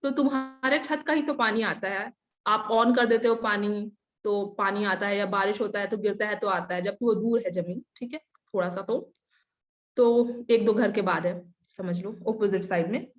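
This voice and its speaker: A man's voice: high voice, normal speed, lo-fi sound, voice pushed down, lightly acted. A woman voicing a stubborn, irritable older male neighbour. He talks in a grumbling, dismissive way.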